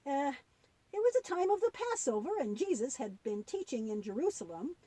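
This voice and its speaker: A woman voices a kindly old granny puppet, telling children a Bible story in a high, lively voice. She's patient and gently instructive, pausing along the way. The recording is rough, close and dry, with no echo.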